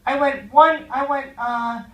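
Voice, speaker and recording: A man's voice: extremely high pitch, steady tone, slow pace, fairly bright tone, reverberant, recorded from a distance, pitched above the performer's own voice, full character voice. A man voicing a dim, chatty stranger on a bus who rambles and repeats himself. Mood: rambling.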